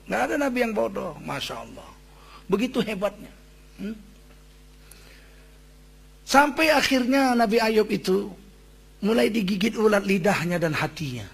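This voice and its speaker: A male preacher telling a religious story in a sermon, animated and emphatic, with joking asides. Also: sits high. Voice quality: raspy, gravelly.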